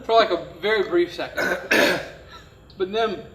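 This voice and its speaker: A male host talks casually in a high voice, his mouth burning from spicy food. He sounds set back from the mic in a very echoey room, with faint noise around him. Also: measured pace, recorded from a distance. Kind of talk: casual chat.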